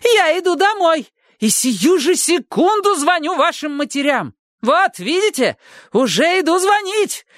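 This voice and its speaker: A man voicing a shrill, spiteful elderly woman neighbor who scolds and gloats in a squealing voice. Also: sing-song, a little slow, a bit bright, no echo, clean studio sound, heavily acted. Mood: shrieking. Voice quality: shrill, shrieking.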